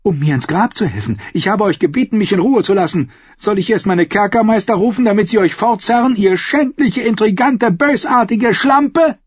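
Ein Mann liest die Dialoge einer jungen, verängstigten, aber trotzigen Königin in einem Hörbuch. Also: male voice, very animated, fast talker, few pauses, a little mellow, breathy edge, dry recording, muffled recording, full character voice. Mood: furious. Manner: shrill, rising outbursts. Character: young queen, frightened yet fiercely defiant. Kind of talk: audiobook dialogue.

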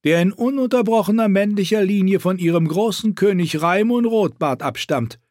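Snooty cold queen, prim and clipped, raised pitch, man doing it. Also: expressive, moderate pace, darkish tone, no room sound, clean studio sound. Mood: haughty. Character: cold, haughty middle-aged queen.

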